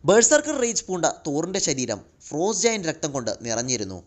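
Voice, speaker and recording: Guy retelling a comic, super animated, bit high voice. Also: fast. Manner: lively, animated narration. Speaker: comic explainer narrator. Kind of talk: scripted storytelling narration.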